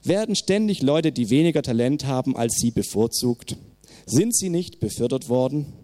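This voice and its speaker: Automated phone-line computer voice, put on by a male preacher, flat and announcing. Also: medium pitch, normal speed, natural voice.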